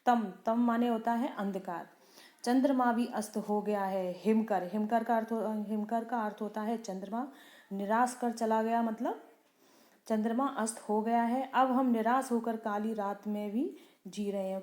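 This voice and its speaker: A woman teacher explaining a poem line by line. She asks questions and answers them herself, and she slows down for the poem lines. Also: fairly high pitch, darkish tone, reverberant. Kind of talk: Hindi poem explanation lesson.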